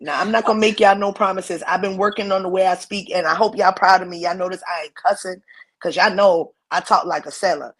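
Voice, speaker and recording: A woman's voice: on the low side, steady tone, fairly quick, slightly rough. A woman hosting a live stream, talking bluntly and emphatically in casual commentary. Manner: blunt, emphatic, laughs along.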